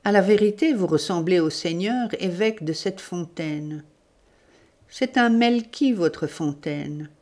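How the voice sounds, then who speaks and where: A woman's voice: medium pitch, a little mellow, close to an everyday voice. A woman reading the part of a sarcastic, condescending Russian man in a storybook. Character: mocking, scornful Russian man.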